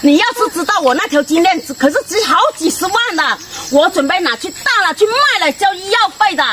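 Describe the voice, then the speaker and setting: A woman playing a frantic robbery victim in an amateur skit, accusing and shouting at a stranger. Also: very high voice, animated, brisk, noisy background. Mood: furious. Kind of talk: amateur comedy skit acting. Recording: background music over voice.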